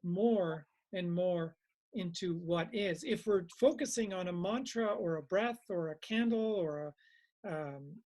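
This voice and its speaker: A man's voice: sits high, measured pace, a little mellow. Male meditation teacher, informal and reflective, leaning on repetition for emphasis. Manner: reflective, repeats phrases for emphasis.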